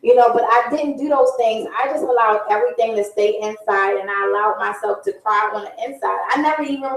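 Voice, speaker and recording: A woman's voice: on the high side, brisk, creaky, distant mic. Earnest woman host in a roomy echo. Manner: earnest, repetitive, confiding. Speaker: talk show host. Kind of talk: casual talk show monologue.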